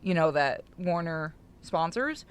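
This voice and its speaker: An expressive streamer with a medium-pitched, clear and resonant voice keeps a measured pace while co-hosting a playthrough. Between casual chat and free swearing, they read the visual novel's narration aloud, with game music behind.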